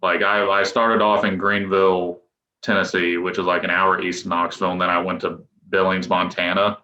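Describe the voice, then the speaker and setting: A man in his twenties, a professional pitcher, chatting loosely as a podcast guest with restarts and chuckles. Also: little pitch movement, normal speed, sharp tone. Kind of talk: casual podcast interview. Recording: echoey room, dull lo-fi sound.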